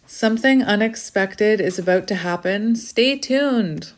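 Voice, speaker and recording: A tarot reader hosts a casual, chatty card reading in an effusive, giggly way. Her medium-pitched voice is a little slow and carries a slight lisp from her retainer.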